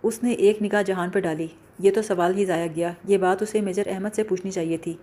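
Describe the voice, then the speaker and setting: A woman narrates a novel aloud in steady, scripted storytelling. Her voice is mellow and warm, at a middle pitch for a woman. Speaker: audiobook narrator.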